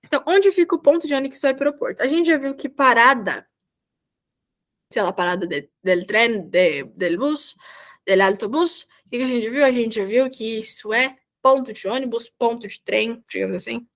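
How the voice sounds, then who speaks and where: Brazilian woman, volunteer teacher on a video call, fairly high voice, patient and repetitive, checks in often. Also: expressive, normal speed, fairly bright tone. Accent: Brazilian Portuguese. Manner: patient, repeats "tá?" to check understanding. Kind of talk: online class explanation.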